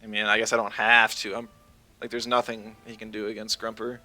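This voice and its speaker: A man's voice: lowish voice, little pitch movement, bright, forceful tone, faint music behind. A man streaming a competitive game, casually thinking aloud about his moves as he plays. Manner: thinking aloud, chatty, quick asides and laughs. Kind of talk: casual live game commentary.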